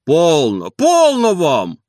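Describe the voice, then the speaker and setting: A man voicing a yard-keeper in an audiobook who pleads to calm a quarrel. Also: high voice, unhurried, no echo, clean studio sound, pitched above the performer's own voice, exaggerated voice. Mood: pleading. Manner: soothing, pleading. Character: placating male yard-keeper, trying to calm a fight.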